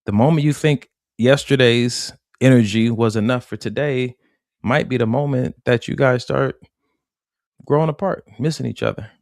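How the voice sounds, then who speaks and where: Male podcast co-host, reflective and measured, mid-pitched, dry studio sound. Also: vocal fry, darkish tone, dry recording. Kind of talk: casual podcast conversation about relationships.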